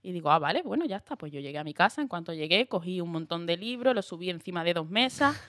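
A young woman from Andalusia, chatting as a guest and telling lively stories with laughs. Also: lowish voice, fast, no room sound, clean studio sound. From Andalusia, Spain. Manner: lively storyteller, laughs often, acts out quotes. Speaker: guest actress. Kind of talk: casual chat.

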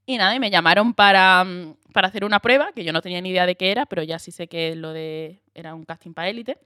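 Andalusian woman telling lively stories. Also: fairly low pitch, fast talker, dry recording, studio quality. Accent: Andalusian Spanish. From Andalusia, Spain. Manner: lively storytelling, acts out quoted dialogue, laughs often. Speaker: guest actress. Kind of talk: casual chat.

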